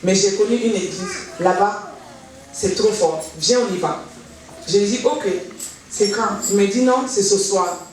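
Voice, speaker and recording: A woman in a church hall telling her testimony, acting out each person's words as she goes. Her voice sits at a middle pitch and is picked up from a distance. It rings with heavy reverb, over faint background noise. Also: a little slow. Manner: lively storytelling, acting out reported dialogue. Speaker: church member giving testimony.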